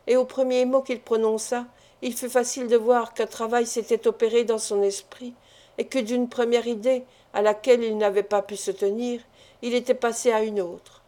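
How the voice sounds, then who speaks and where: A woman reads a classic novel aloud as an audiobook, with measured storytelling. Her voice sits a little high with a warm, mellow tone. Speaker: audiobook reader. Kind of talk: scripted narration of a novel.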